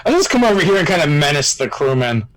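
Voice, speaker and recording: Man, tabletop player, hesitant, animated pitch. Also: quick pace, no echo, low-quality recording. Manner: hesitant, thinking aloud. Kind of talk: casual tabletop play.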